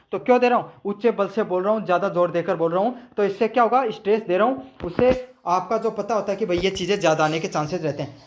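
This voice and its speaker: A man's voice: high voice, darkish tone, a little hiss or hum. Man drilling exam answers by repetition. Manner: repeats questions and answers for memorizing; mixes English terms into Hindi. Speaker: teacher. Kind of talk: exam-prep lecture.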